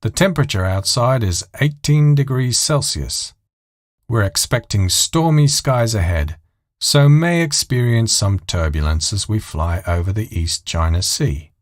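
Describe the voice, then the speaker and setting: A man playing an authoritative airline captain in an audio story, speaking clearly with a slow drawl. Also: fairly low pitch, expressive, no echo, clean studio sound. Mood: calm, authoritative.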